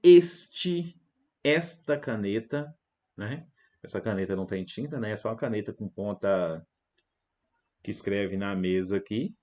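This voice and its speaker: A man's voice: on the low side, a little mellow, lo-fi sound. A man with a Brazilian Portuguese accent, a teacher patiently explaining grammar to schoolchildren, asking "né?" often. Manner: patient, repeats words slowly and asks "né?" often. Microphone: desk setup with digital pen tablet.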